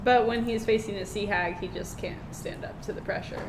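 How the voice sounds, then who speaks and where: A woman's voice: mid-range voice, steady tone, fairly quick. A woman playing a tabletop game, chatting playfully. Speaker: player. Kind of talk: casual tabletop play. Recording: echoey room, noisy.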